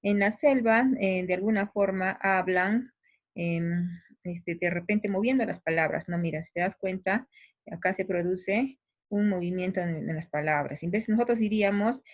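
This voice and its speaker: A woman's voice: medium pitch, normal speed. Peruvian provincial accent, woman teacher, patient and explanatory, talks straight to students, tinny phone-quality sound. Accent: Peruvian provincial Spanish. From Peru. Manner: patient, explanatory, often restarts and addresses students directly. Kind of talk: recorded class explanation.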